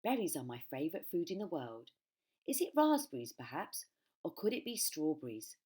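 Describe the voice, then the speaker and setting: A woman's voice: deep voice, very animated, moderate pace, a little mellow, breathy edge, exaggerated voice. A woman voicing a cheerful, innocent plump little bird in a children's storybook, chirpy and singsong. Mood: eager guessing. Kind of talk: children's storybook read-aloud.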